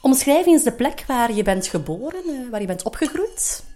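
A woman's voice: a little high, big pitch swings, normal speed, mellow. A woman presenting a TV report, asking curious questions of her guest. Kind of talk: TV reportage interview.

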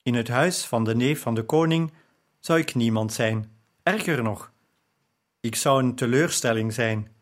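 Man calmly narrating an audiobook. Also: medium pitch, measured pace. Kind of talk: scripted first-person narration.

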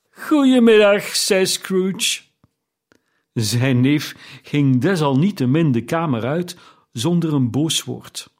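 Male narrator, unhurried, even-pitched, classic storytelling read. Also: breathy edge. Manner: measured, storytelling delivery. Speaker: audiobook narrator. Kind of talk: scripted narration.

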